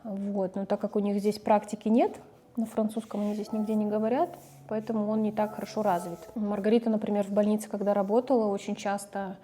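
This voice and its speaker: Speaking a little fast in a mellow, mid-range voice with a flat delivery, a middle-aged woman of Russian-speaking background addresses her camera. She's a mother and family vlogger whose chatty talk includes the odd mid-sentence self-correction.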